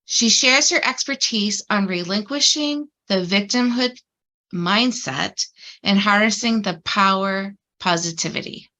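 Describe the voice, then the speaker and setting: Woman, podcast host, bright tense voice, mid pitch, encouraging. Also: a little slow. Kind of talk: podcast interview.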